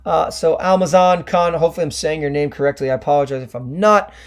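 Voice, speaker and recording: A slightly high-voiced young man, a bit hoarse after a weekend of shouting, talks through stock charts for his livestream viewers. His delivery is chatty and loose, full of ums, uhs and restarts as he explains. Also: fast talker. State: hoarse from screaming at games. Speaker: livestream trading host. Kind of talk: casual Q&A livestream, answering chat.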